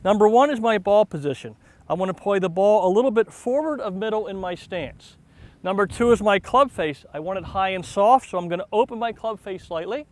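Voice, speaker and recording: A man's voice: high voice, a little fast, darkish tone. A man working as a golf commentator and instructor, speaking in an encouraging, praising manner. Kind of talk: golf commentary and short game lesson.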